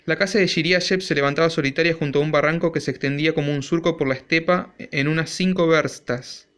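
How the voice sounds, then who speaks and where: Casting: male audiobook narrator, a bit higher voice, dramatic storytelling. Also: fairly even intonation, fast, a bit bright, clean tone. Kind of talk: audiobook reading.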